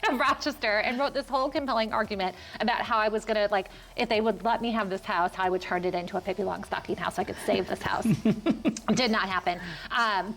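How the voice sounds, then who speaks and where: A woman chatting casually as an interview guest, telling stories in a chatty way and quick to laugh. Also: medium pitch, a bit bright, poor audio. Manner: laughs easily. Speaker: interview guest, chamber of commerce worker and former journalist. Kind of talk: casual chat over a hot wing challenge.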